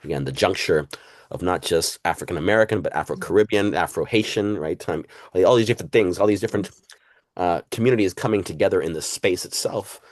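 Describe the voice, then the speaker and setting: In a dry, studio-quality recording, a man with a low voice talks briskly as a guest historian from Puerto Rico. The interview is casual, and he is reflective, leaning on fillers, asides and the tag "right?".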